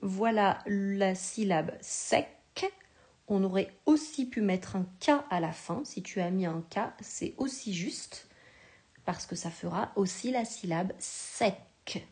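Slow, patient woman teaching spelling. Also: mid-range voice, lively intonation, warm tone. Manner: patient, articulates each syllable carefully. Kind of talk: slow spelling lesson for a young child.

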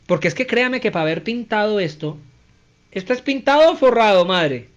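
A man's voice: high-pitched, expressive, a little fast. A man giving a conversational Bible teaching, often checking in with his listeners and acting out everyday speech to make his points.

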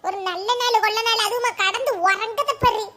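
A woman's voice: very high-pitched, fairly even intonation, fairly quick, sharp tone. A woman voicing a doting village mother in a cartoon, speaking in a bossy yet affectionate way. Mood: fond. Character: doting village mother fussing over her cow.

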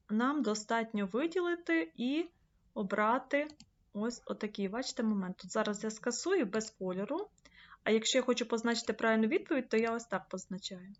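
A woman trainer teaching an online course, explaining a screen-share tutorial step by step and addressing viewers directly. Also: on the high side. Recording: slightly dull lo-fi mic.

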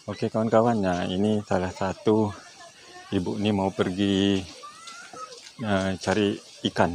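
A man chatting casually while filming a walking tour outdoors on a village road, friendly and quick to laugh. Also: deep voice, flat delivery, darkish tone, a little hiss or hum. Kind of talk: casual chat with locals. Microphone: camera mic, walking.

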